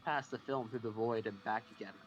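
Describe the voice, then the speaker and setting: A man's voice: on the low side, steady tone, a little fast, muffled recording, a little hiss or hum, pitched below the performer's own voice, close to an everyday voice. Man voicing a cryptic computer entity. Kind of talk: voice acting a video game.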